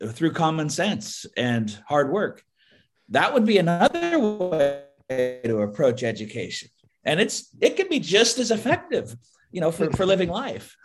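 Lively-voiced man in casual chat. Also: a little high, husky. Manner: agreeable, brief interjections. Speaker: podcast co-host.

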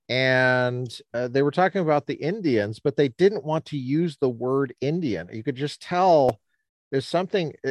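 A man from Colorado co-hosting a casual talk show, talking in a rambling, halting way with many restarts, standing outdoors by the ocean on a cold day. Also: mid-range voice, a little mellow, no echo. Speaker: podcast co-host. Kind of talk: casual chat.

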